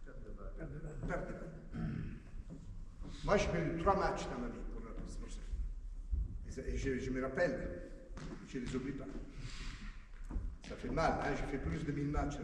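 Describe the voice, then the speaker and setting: Coach booming across a gym. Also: male voice. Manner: demonstrative, calls out drills loudly. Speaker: basketball coach. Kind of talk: coaching clinic instruction. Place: large indoor gym. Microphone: camera far from the speaker. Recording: echoey gym from far off, noisy. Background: ball bounces and court noise.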